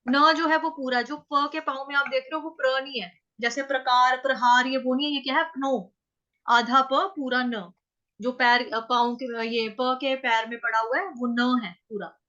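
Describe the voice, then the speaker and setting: A woman teaching how to chant a Sanskrit verse, breaking words into syllables, repeating them, and chanting lines slowly. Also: high-pitched, fairly even intonation, pushed and bright, muffled recording. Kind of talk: syllable-by-syllable pronunciation lesson.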